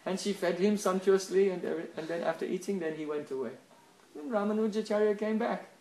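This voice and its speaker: A man giving a devotional lecture as a spiritual teacher, telling a story in an animated way and checking in with listeners with a quick "huh?". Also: high voice, roomy sound, low-quality recording.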